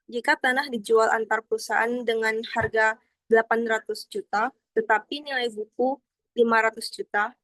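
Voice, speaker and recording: In this student presentation, a young adult woman formally explains accounting content, reading partly from slides. She sounds a little high and fairly bright, with no room sound, though the audio is poor.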